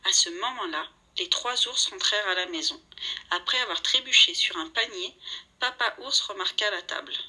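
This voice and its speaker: Storybook narrator: woman, very bright tone, a little husky, lively read-aloud delivery. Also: mid-range voice, moderate pace, poor audio. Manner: lively, voices the characters' lines.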